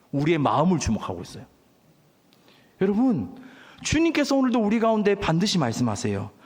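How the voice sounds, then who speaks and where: A man preaching as pastor to his congregation, delivering an emphatic sermon with questions that he has the crowd answer back. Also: very high-pitched. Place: church sanctuary. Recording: long hall reverb.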